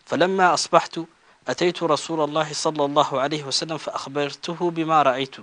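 In a slightly high voice with fairly even intonation, a man recites religious texts to his teacher at a measured pace, growing louder on the chanted call-to-prayer phrases. There is no room sound.

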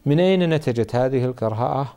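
A man answering religious questions as a scholar, measured and explanatory. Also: mid-range voice, lively intonation, mellow. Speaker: Islamic scholar.

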